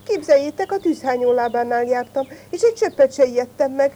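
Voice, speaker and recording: A woman's voice: fairly low pitch, very animated. A woman voicing a small, boastful but cowardly fox cub in a storybook tale, talking big and stammering when scared. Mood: bragging. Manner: brags loudly, then stammers with fright.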